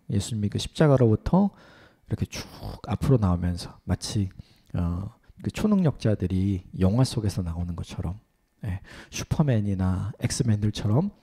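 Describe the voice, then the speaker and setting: Gravelly-voiced man preaching. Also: medium pitch. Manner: earnest preaching, drops to soft whispers for prayers and blessings. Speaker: pastor. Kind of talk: early-morning sermon.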